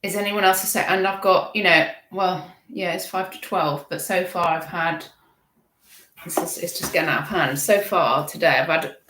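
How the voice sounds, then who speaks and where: A woman's voice: fairly low pitch, moderate pace, slight background noise. A British woman hosting a casual live stream from her kitchen, rambling chattily and breaking off her own sentences. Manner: chatty, self-interrupting, warm chuckles. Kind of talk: rambling casual chat, reading viewer comments. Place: home kitchen. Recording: echoey home kitchen.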